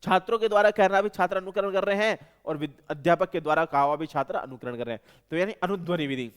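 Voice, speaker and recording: Smooth-voiced man teaching exam prep. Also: sits high, quick pace. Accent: Hindi, Rajasthan. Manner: explanatory, repeats key terms, self-corrects mid-word.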